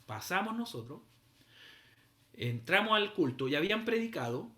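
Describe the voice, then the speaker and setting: A man's voice: sits high, big pitch swings, moderate pace, fairly bright tone, echoey room. A middle-aged man, telling a story in a sermon, acting out voices and sounds as he goes. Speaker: preacher.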